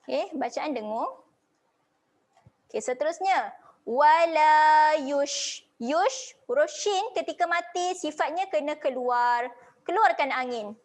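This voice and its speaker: A Malaysian woman teaching Quran recitation in an online class over a video call, patiently explaining each sound step by step and chanting slow, drawn-out model readings. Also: high voice, lively intonation.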